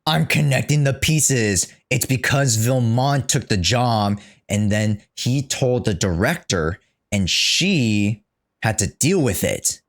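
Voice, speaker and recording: Taking his time, a young man streams live, reacting to a game story in an expressive, medium-pitched voice. He keeps the commentary informal, cracking jokes and swearing as he chats.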